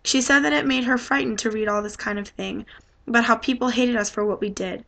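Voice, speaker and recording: Woman reading a book passage out loud, kinda high voice, lots of vocal fry, easygoing. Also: steady tone, fairly quick. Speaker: student reader. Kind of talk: reading a novel passage aloud, then commenting.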